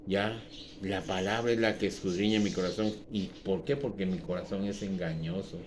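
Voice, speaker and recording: A man preaching a sermon as a pastor, swinging from loud, emphatic outbursts to quieter teaching. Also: low voice, steady tone, normal speed, background noise.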